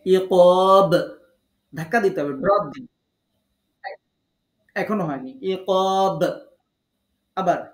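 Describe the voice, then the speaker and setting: A man's voice: a little high, moderate pace, pauses often, a bit bright, echoey room, rough recording. A man with a Bangladeshi Bengali accent teaching an online recitation class, patiently quizzing and correcting students over a video call. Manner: patient, encouraging, correcting pronunciation.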